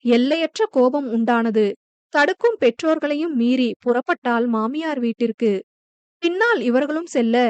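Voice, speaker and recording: A woman's voice: sits high, clean tone, dry recording, muffled recording. A woman narrating a romance novel audiobook, acting out each character's heated lines. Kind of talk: dramatic novel reading with dialogue.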